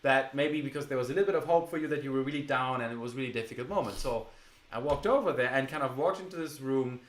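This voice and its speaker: A man co-hosting a vlog, recounting a family story in a casual, halting way with many fillers. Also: medium pitch. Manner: hesitant, many fillers and restarts. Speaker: vlog co-host. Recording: echoey room.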